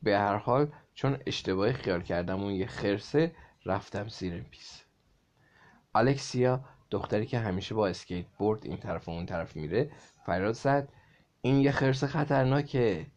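A man reading a children's story aloud to a child in a lively way, stopping to explain words. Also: lowish voice.

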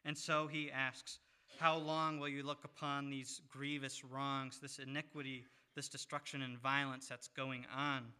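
Guy preaching a sermon, bright clear voice, pretty flat delivery. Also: mid-range voice. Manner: measured, reads scripture aloud with pauses.

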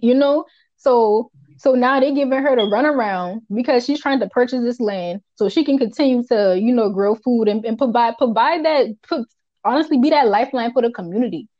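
A woman's voice: on the high side, brisk, a little mellow, no room sound, muffled recording. A woman with a Charleston Gullah Geechee accent chats casually as a podcast co-host, emphatic, colloquial and unfiltered, often repeating herself for weight. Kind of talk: casual opinionated chat.

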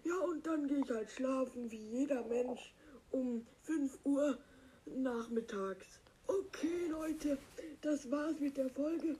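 A dim-witted green cactus fellow, voiced by a man through a voice changer that lifts him high and soft. He drawls slowly in a dark, mellow tone and rambles on with silly, halting asides. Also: slight background noise, rough recording. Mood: goofy. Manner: rambling, silly, slow, halting with many fillers. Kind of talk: comic character monologue.

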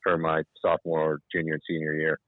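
A man in a casual podcast chat, talking in a measured, friendly way. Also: rumbling low, monotone, no room sound. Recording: dry tinny phone-like line.

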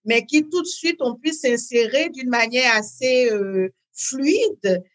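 Woman in her 30s, kinda high voice, lots of euh and repeats, gets animated. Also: slow pace. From Benin. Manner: hesitant, with frequent fillers and repeats, then lively emphasis. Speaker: guest. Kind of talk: conversational interview.

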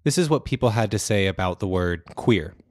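A young man hosting a student podcast, reading a measured, scripted narration. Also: fairly low pitch, expressive, darkish tone, no room sound, studio quality. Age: young adult.

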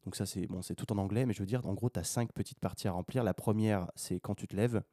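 Male podcast host, low dark voice, rambling buddy-style monologue, dry close sound. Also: fast talker, dry recording. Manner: unscripted, rambling, addresses listener as a buddy, swears casually; animated rises when making a point. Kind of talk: casual solo podcast monologue.

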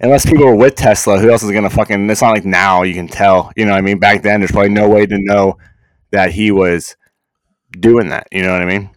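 A man's voice: on the low side, steady tone, a little fast, no echo, low-quality recording. A man chatting casually on a podcast in slangy, heavily profane speech, calling the listener bro and dude.

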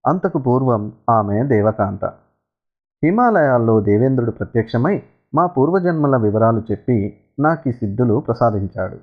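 A man voicing a smug young son-in-law with magic powers, chanting his spells slowly and loudly, on a tinny, phone-like recording. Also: medium pitch, lively intonation, natural voice.

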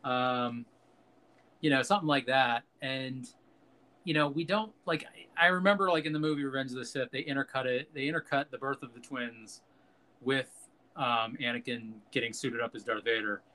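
A man's voice: medium pitch, normal speed, bright, forceful tone. A man co-hosting a casual film chat, talking loosely and profanely and laughing at his own jokes.

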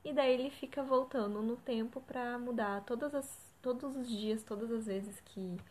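A woman's voice: a little high, normal speed, a little mellow, a little hiss or hum. A young woman chatting casually about films she has watched, hesitant and full of fillers. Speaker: co-host reviewing films. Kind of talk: casual chat.

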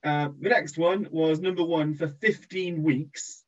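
A man's voice: a little high, fairly even intonation, a little slow, muffled recording. Rambling, joking man on a podcast. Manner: joking, rambling with many ums. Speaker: podcast co-host. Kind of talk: casual chat.

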